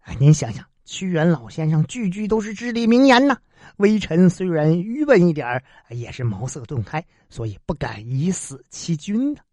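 A woman voicing a sly, witty male court scholar in a traditional told story, pleading slowly with small hesitations. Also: fairly low pitch, very animated, dark tone, dry recording. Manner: slow, drawn-out, humble pleading with hesitations.

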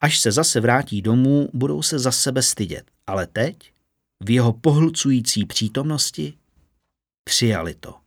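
A man narrating a fantasy story in a steady, measured audiobook reading. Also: mid-range voice, no room sound, clean studio sound.

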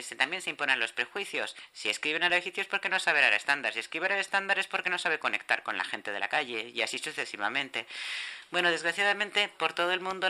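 A woman interpreting a lecture, speaking haltingly with frequent restarts and self-corrections. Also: low voice, pushed and bright. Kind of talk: interpreted lecture on language and literature. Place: lecture hall.

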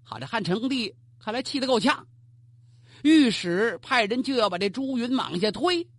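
Husky storyteller doing an old court tale, super animated, dry close mic. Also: mid-range voice, moderate pace, no room sound. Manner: animated, colloquial, asides to the listener. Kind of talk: traditional Chinese storytelling.

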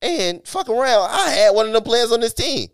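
A man's voice: very high-pitched, big pitch swings, moderate pace, smooth, no echo, studio quality. A man co-hosting a podcast, debating sports casually in profane, argumentative slang. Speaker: podcast co-host.

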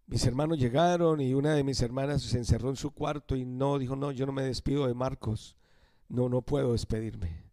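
Older male missionary preacher, high-pitched, emphatic, dry close sound. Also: dry recording. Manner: emphatic, slows and drops to a hush on key phrases. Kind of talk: sermon.

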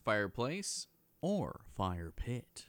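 A man's voice: medium pitch, very animated, slow, a bit bright, dry recording. A man co-hosting a podcast, bantering casually in a blunt, grumpy way with plenty of swearing. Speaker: podcast co-host.

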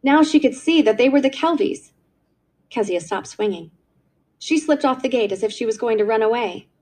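A woman narrating a classic short story aloud in a scripted, expressive storytelling reading. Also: a little high, normal speed.

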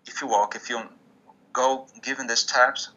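The Portuguese-native musician, heard on a video call with dull lo-fi audio, speaks in a mid-range, sharp-toned voice with fairly even intonation at normal speed. In this interview conversation he hesitates in English, often restarting while hunting for words.

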